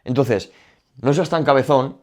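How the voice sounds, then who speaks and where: Casual gym advice comes from a young fitness YouTuber with a Spain Spanish accent, who speaks emphatically and restates his points directly. His voice is medium-pitched, measured in pace and darkish in tone.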